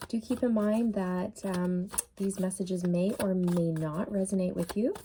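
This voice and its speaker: A tarot reader with a mellow, lowish, steady voice ponders aloud during a casual reading, slow and full of fillers, and mentions she is losing her voice. A little hiss or hum runs under the recording.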